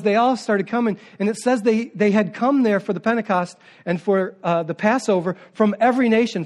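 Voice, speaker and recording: A man's voice: sits high, darkish tone. A male pastor preaching a sermon, retelling the story in a casual, conversational way with offhand asides.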